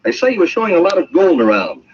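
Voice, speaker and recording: An actor playing an insistent, cocksure police constable making accusations in an old-time radio drama. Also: male voice, sits high, wildly swooping pitch, fast, full character voice. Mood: accusing. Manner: insistent, triumphant. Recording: muffled, hissy old radio recording.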